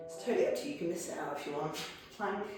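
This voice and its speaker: Woman, yoga teacher, lowish voice, encouraging cues, very echoey room, piano music behind. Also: steady tone, racing. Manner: encouraging, cueing moves on the breath with light laughs. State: a little out of breath at times. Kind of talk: guided yoga class instruction. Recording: very echoey room, mic from far off. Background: soft piano music.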